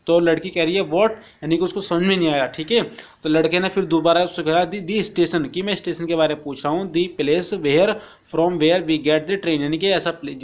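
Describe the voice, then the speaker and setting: A man teaching a class lesson, reading sentences slowly from the textbook and explaining each in Hindi. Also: on the high side. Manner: reads English lines slowly, then explains in Hindi with frequent "theek hai".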